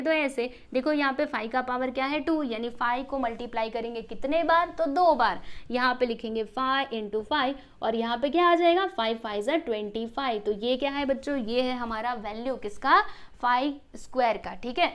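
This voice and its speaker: A woman with a high voice talks through a maths lesson, explaining one small step at a time. She keeps checking in with the class and asks them questions before she gives the answer. It sounds like a close voice-over recorded while she writes on the board. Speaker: maths teacher.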